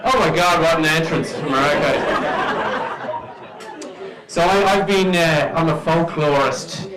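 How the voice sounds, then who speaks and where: A man's voice: fairly high pitch, a little slow. An Irish man telling comic folk tales live to an audience, with a playful, lilting manner. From Ireland. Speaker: storyteller and folklorist. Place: indoor live venue with an audience. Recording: echoey room with crowd noise.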